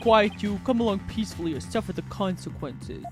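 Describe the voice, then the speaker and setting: A woman voicing a gruff male police officer while reading a game aloud, with commanding delivery. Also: medium pitch, brisk, over music, lightly acted. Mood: stern.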